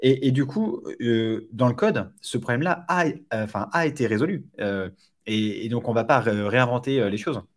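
A man's voice: mid-range voice, normal speed. A man speaking as a guest on a casual podcast interview, talking with many fillers and restarts. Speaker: startup founder guest.

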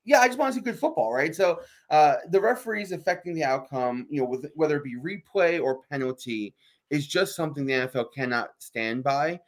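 A man's voice: fairly high pitch, animated. A man co-hosting a sports talk show, making emphatic points and often asking "right?". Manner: fast, emphatic, fills with "right?".

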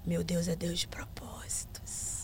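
A middle-aged Brazilian woman, a gospel singer, tells stories in a casual interview, whispering in a lowish, creaky voice at a measured pace. Her Brazilian Portuguese accent colors her animated storytelling as she acts out the quoted dialogue.

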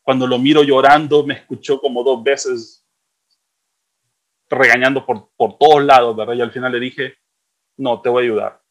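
A man's voice: medium pitch, fairly even intonation, normal speed. Middle-aged man telling stories in a chat. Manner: storytelling, repeats words for emphasis. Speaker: co-host. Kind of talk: casual chat.

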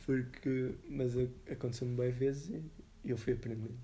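A young man in casual, slangy podcast chat, thinking aloud in halting repetitions. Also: medium pitch, little pitch movement, dark tone, slight background noise. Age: young adult. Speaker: podcast co-host.

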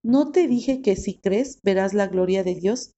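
A woman reading aloud the lines of Jesus, a calm male teacher, in a plain voice. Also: medium pitch, unhurried, highs cut off, close to an everyday voice. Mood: solemn.

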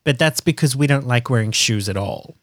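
Australian co-host chatting away, dry close mic, mid pitch, lots of stories. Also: a little fast, dry recording. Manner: chatty, animated storyteller. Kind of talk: casual chat.

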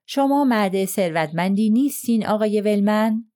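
This audiobook reading has a woman portraying an unbending, frosty male lawyer who interrogates a witness with probing questions. Her mid-pitched voice is dark yet natural, with animated intonation.

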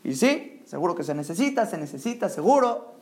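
Emphatic high-voiced man preaching. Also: very animated, a little fast, a little mellow. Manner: emphatic, rhetorical questions, mixes Hebrew terms. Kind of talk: Torah sermon.

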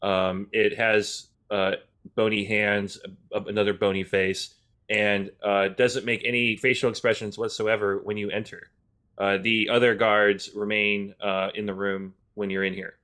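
A man with a lowish voice narrates a tabletop game as game master. He talks in an easygoing way, dotted with "uh"s, while he describes scenes. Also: a little slow, clean tone. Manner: relaxed, filler-heavy narration.

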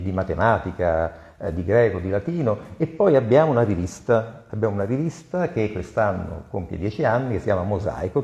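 A man speaking for a school as an interview guest, formal and somewhat halting. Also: lowish voice, dark tone. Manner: measured, halting. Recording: echoey, dull lo-fi sound.

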